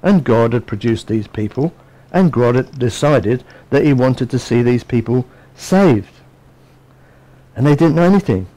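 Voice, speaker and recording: A man's voice: mid-range voice, expressive, a little slow, warm tone, poor audio. A man giving a sermon in a conversational, storytelling way, with many asides to his listeners. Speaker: preacher.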